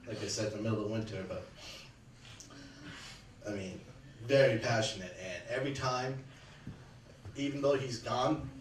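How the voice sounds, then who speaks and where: A man speaking at a memorial in earnest, halting sentences with many restarts, remembering his late father-in-law. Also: medium pitch. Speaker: eulogy speaker, son-in-law. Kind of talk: personal remembrance speech. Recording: echoey room, distant mic, faint background hum.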